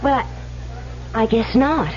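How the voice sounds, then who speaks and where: In an old-time radio drama, an actress voices a naive young woman who's easily rattled, sounding girlish and hesitant. Her voice sits on the high side, slow and darkish in tone, and the old radio recording is dull.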